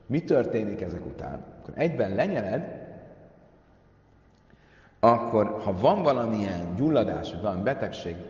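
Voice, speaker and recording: A man's voice: on the low side, very animated, pauses often, a little mellow. Man teaching Talmud in an echoing hall. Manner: reads Aramaic lines then explains in Hungarian, with many fillers. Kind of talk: Talmud lesson retelling stories. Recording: echoey hall, far from mic, dull sound.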